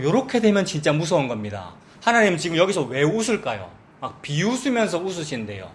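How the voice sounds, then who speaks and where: A middle-aged male pastor preaching a sermon in a conversational way, asking the congregation questions. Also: high voice.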